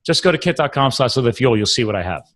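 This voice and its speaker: A man hosts a podcast, chatting casually and rambling about recording equipment. His mid-range voice is expressive and a bit bright, moving at a quick pace, and his chatty talk is full of restarts.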